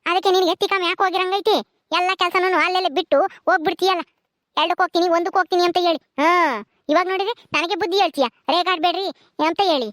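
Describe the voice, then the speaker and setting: A woman's voice: extremely high pitch, fairly even intonation, racing, dry recording, clean studio sound. A woman with a rural Karnataka accent plays a bossy, short-tempered mistress of a village house who nags and scolds. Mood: scolding. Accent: rural Karnataka Kannada. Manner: scolding, nagging, sharp-tongued. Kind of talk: homemade village drama.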